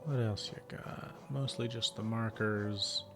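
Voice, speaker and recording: A man streaming a video game, thinking aloud in a relaxed, muttering way. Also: lowish voice, slow pace, over music. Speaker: gaming streamer. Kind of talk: let's play commentary.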